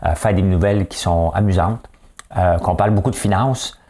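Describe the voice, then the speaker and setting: A man with a Québécois French accent hosts a casual news commentary show. His voice sits a bit low. His delivery is loose and conversational, full of rhetorical asides to the audience. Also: normal speed, warm tone. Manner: chatty, keeps adding a rhetorical "hein?".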